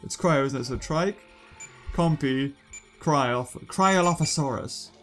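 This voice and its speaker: A young British man giving casual gameplay commentary in a goofy, jokey, excitable way. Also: a little high, slow pace, faint music behind. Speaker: gaming YouTuber.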